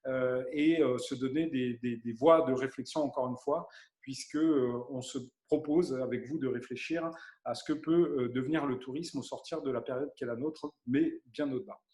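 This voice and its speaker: A man's voice: mid-range voice, moderate pace, darkish tone. A man moderating a webinar over a video call, introducing the speakers in a hesitant way with many fillers.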